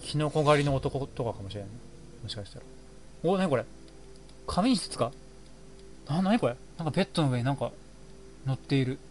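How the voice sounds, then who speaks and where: A man's voice: mid-range voice, animated, a little fast, long pauses, a little mellow, slight background noise. A man hosting a game playthrough, giving jokey, rambling running reactions as he plays. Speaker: let's play host. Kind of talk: casual game commentary.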